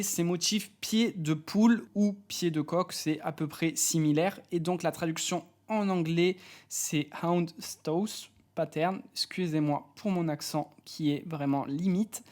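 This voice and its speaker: A man giving a casual walkthrough tutorial, chatty and relaxed, sharing personal opinions with frequent fillers. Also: high-pitched. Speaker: AI image tutorial creator. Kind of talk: casual screen-walkthrough commentary.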